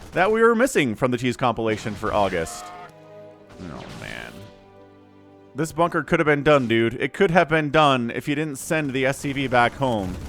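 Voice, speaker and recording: A male game shoutcaster gives casual play-by-play on a replay in a fairly high voice that swings widely as he reacts. He's animated and chatty, cracking jokes, laughing and humming to himself. Faint background music plays underneath.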